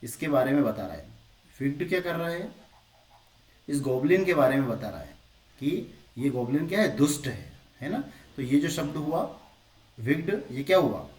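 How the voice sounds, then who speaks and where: A man teaching English grammar in a classroom style, explaining slowly, repeating phrases and keeping up a stream of rhetorical questions. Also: a little high, lively intonation, darkish tone, echoey room, recorded from a distance.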